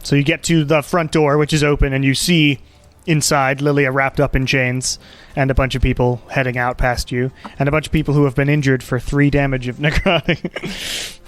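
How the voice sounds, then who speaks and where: A man's voice: mid-range voice, flat delivery, moderate pace, faint music behind. A man running a tabletop fantasy game as game master, narrating casually and calling out rulings.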